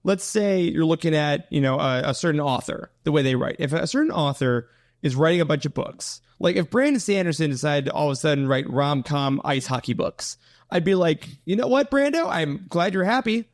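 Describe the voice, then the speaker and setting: A man co-hosting a casual podcast, joking and tossing in playful asides as he talks. His voice sits a little high for a man. It is recorded close and dry on a studio mic, with no room sound. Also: no echo. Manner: playful and jokey, animated storytelling. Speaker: podcast co-host. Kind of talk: casual chat.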